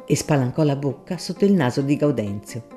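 Man narrating a story, mellow dark voice, expressive, soft guitar behind. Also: medium pitch. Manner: measured, expressive reading. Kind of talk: storybook reading. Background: soft guitar music.

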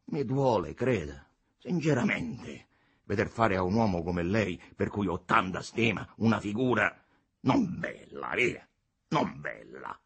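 A man voicing a middle-aged male politician, arrogant and scornful, with a husky, mocking, lecturing delivery. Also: deep voice, sing-song, measured pace, fairly bright tone, voice pushed up, heavily acted. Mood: condescending.

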